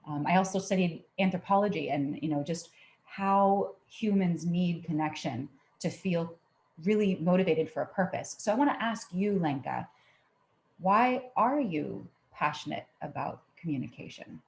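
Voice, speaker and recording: A woman's voice: lowish voice, normal speed, a little mellow. A woman hosting a podcast and interviewing a guest in a friendly, conversational way. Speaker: podcast host.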